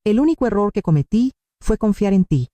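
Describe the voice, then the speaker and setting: A woman narrating a dramatic story in the first person, steady and emphatic. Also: mid-range voice, a little fast, no room sound.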